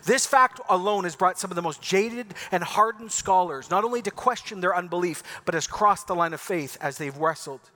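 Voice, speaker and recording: A man's voice: high-pitched, normal speed, hardly any pauses, bright, forceful tone. A man who grew up in Ecuador, preaching an Easter sermon in an emphatic, rhetorical way. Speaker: pastor.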